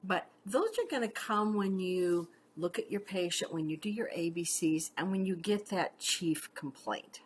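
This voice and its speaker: Teaching her class casually and chattily, a middle-aged paramedic instructor tells personal stories and keeps asking "okay?" Her voice is lowish and a little slow, with few pauses, and a little hiss or hum runs through the recording.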